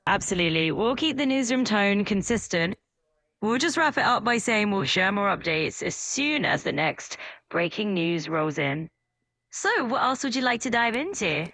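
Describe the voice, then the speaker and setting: A woman's voice: mid-range voice, sing-song, moderate pace, fairly bright tone, dry recording. A woman's voice, an AI assistant, answering in an upbeat, agreeable, eager-to-please way with frequent light laughs. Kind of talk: chatty conversational replies.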